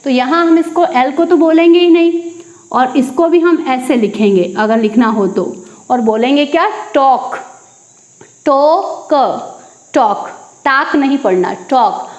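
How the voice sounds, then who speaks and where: A woman teaching English at a board, slowly repeating each word and then answering her own questions. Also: sits high, reverberant, lo-fi sound. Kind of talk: classroom lesson. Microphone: teaching at a board with a marker.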